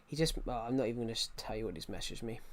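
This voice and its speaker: A young man in his early twenties talking through a live game stream. He rambles from one subject to the next and answers chat messages as they come in. His voice sits at an ordinary mid pitch. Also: expressive, very fast. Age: early 20s. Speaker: livestreamer. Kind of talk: casual livestream chat while gaming.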